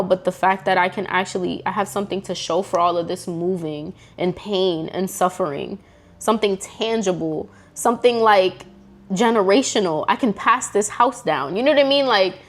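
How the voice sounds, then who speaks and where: A woman speaking to camera in an earnest, emotional personal faith testimony, casual and full of slang. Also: medium pitch. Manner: earnest, fervent, casual slang-filled talk. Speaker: vlogger sharing a faith testimony. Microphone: camera mic.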